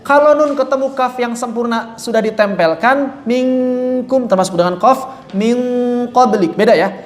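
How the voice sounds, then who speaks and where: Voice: medium pitch, normal speed. A Quran recitation teacher giving a classroom lesson, explaining step by step, demonstrating sounds, asking and answering their own questions and firmly correcting mistakes. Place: room with a class repeating after the teacher. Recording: echoey room, faint background noise.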